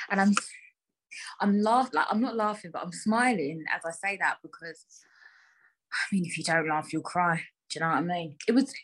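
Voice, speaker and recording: A young woman chats through her solo podcast in a loose, joking way and laughs at herself as she goes. Her voice sits low for a woman and has a husky, breathy edge. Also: low-quality recording. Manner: chatty, joking and self-mocking, often laughing mid-sentence. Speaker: podcast host. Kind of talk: casual solo podcast chat.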